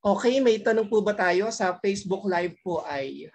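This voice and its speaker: A man's voice: high voice, animated, normal speed. A man moderates an online forum and poses questions to a guest. He speaks formally and courteously, with respectful particles throughout.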